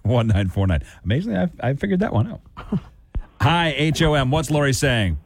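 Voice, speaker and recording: A man's voice: fairly high pitch, very animated, fairly quick. A man co-hosting a morning radio show, dry and teasing in casual banter.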